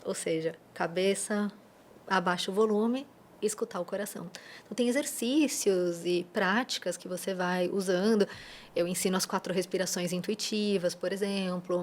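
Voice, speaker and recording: Brazilian woman, mid pitch, podcast guest, explains in a teacherly way with playful asides. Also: normal speed, slight background noise. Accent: Brazilian Portuguese. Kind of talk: interview answers.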